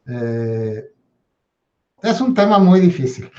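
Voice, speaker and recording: A man's voice: mid-range voice, very animated, takes it slowly, warm tone. Man telling stories, lo-fi sound. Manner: storytelling, tags lines with "¿no?". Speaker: guest. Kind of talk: casual interview talk.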